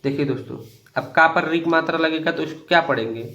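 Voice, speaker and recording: Guy teaching kids' hindi reading, slow and repetitive, kinda high voice. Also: pushed and bright, highs cut off. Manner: patient, repeats words slowly and addresses viewers as friends.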